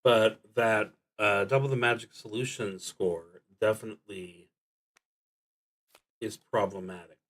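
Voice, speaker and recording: A male streamer works through a solo roleplaying game, reading cards and thinking out loud with frequent halts and unfinished sentences. The voice is lowish and steady, with a fairly bright tone.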